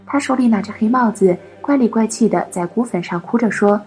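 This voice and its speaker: A woman reads a first-person story aloud in a steady, measured voice. Her pitch sits in the middle range, and faint music plays behind her. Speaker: narrator.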